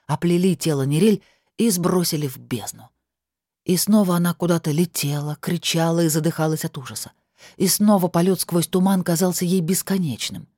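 A woman narrates a fantasy audiobook with a low, dark, mellow voice. Her delivery is steady and even, recorded dry and close with no room sound. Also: no echo.

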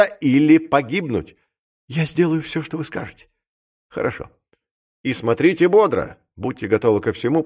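A man voicing a bold, reckless male clerk and gambler who talks in a brisk, commanding way, in an audiobook. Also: mid-range voice, close to an everyday voice. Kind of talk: audiobook character reading.

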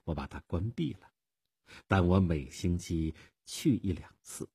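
A man reading the lines of a wealthy, lonely widowed woman in a husky voice, slow and wistful in a radio storybook. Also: low-pitched, animated, darkish tone, voice pushed down, full character voice.

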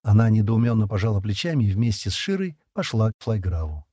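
A man narrates a science fiction audiobook with a dramatic, expressive delivery. His voice is husky and dark with lively swings in pitch, recorded dry and close. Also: fast, dry recording. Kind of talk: scripted sci-fi narration.

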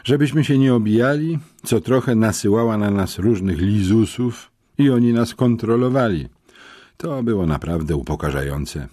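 A man reading a children's book aloud in first person, expressive and wry. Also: lowish voice, normal speed. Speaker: audiobook narrator.

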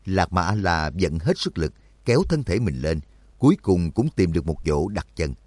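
Male narrator, deep, animated storytelling, dry close-mic audiobook read. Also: normal speed, no room sound. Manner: expressive storytelling, voices for characters. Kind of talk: scripted narration.

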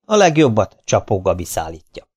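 Low-voiced man reading a wry memoir. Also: wildly swooping pitch, darkish tone, breathy edge. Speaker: audiobook reader. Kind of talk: audiobook narration of a memoir.

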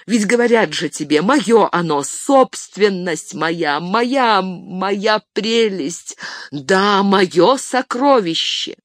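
A fretful old male hobbit, voiced by an audiobook reader, stammering and clutching at what he owns, his voice going thin and shrill. The reading is slow and unhurried. It sounds dry and close, with no room around it. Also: animated, a bit bright, no room sound. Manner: stammering, turns shrill and grasping.

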